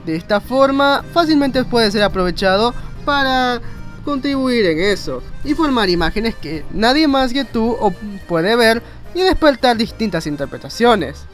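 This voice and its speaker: A graphic designer narrates an informal explainer video in an extremely high, slightly bright, expressive voice, taking his time. He rambles conversationally with self-deprecating asides while faint music plays underneath.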